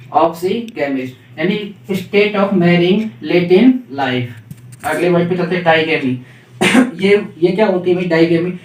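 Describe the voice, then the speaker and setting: A man teaches vocabulary with a Hindi accent, drilling each word by asking it again and again. His voice sits high for a man. The recording is roomy and echoey, with the mic placed a little away from him. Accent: Hindi-accented English. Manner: repeats questions and has students echo answers. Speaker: English teacher. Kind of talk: classroom vocabulary lesson. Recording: echoey room, mic at a distance.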